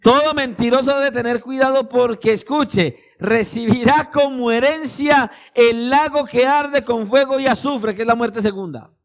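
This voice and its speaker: A man's voice: very high voice, unhurried, few pauses. A man preaching a sermon as pastor, emphatic and speaking straight to his listeners. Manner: emphatic, addresses listeners directly, acts out little dialogues.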